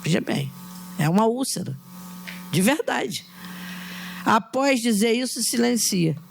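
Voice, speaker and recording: A woman's voice: fairly high pitch, sing-song, unhurried, creaky, a little hiss or hum. A Brazilian woman giving a psychoanalysis congress lecture, explaining step by step with many restarts and tag questions. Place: conference hall.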